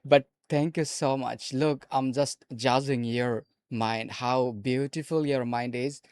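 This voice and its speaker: A man's voice: mid-range voice, fairly even intonation, slow, a little mellow, clean tone, no echo. Playful Bangladeshi man on a dry video call. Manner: teasing, playful, with repeated phrases and laughs. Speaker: host. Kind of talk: casual video chat with a stranger.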